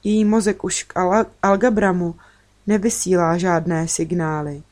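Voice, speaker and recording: A woman reading the lines of a calm, kind girl who explains things gently and matter-of-factly. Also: fairly low pitch, lightly acted. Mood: explaining gently. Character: calm, caring girl friend with a secret gadget.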